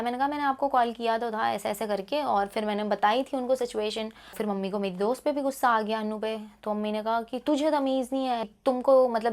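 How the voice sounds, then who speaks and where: Young woman, casual storytelling, mixes hindi and english, animated delivery, acts out quotes. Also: mid-range voice. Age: young adult. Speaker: storytime vlogger.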